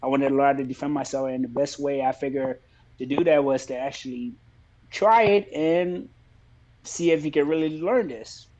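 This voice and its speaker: A man from Liberia who fights professionally, talking about his career in a relaxed, plainspoken way in a casual interview. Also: mid-range voice, moderate pace, highs cut off. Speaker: MMA fighter, guest.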